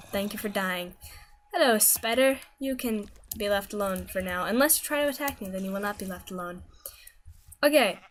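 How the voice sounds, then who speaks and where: A woman's voice: mid-range voice, a bit bright, a little hiss or hum. A woman giving casual, rambling commentary as she plays a game, often correcting herself mid-sentence. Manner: chatty, rambling, self-correcting. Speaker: gaming video host.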